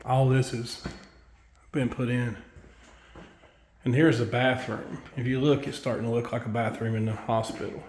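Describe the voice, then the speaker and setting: A man's voice: mid-range voice, little pitch movement, normal speed, long pauses, a little mellow, slight background noise. A man, a construction worker giving a casual walkthrough of a building site, blunt and profane as he tells his story.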